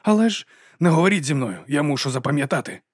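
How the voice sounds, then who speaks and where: A calm young man gives urgent, steady instructions, voiced by a male audiobook reader. The voice stays close to plain speech in a dry, close recording. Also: a little high, fast, breathy edge, no room sound, pitched above the performer's own voice.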